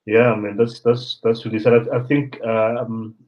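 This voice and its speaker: A South African man in his thirties hosting a casual conversation, an animated storyteller who mixes in local words. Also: medium pitch, a little slow. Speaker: host. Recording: dull lo-fi sound.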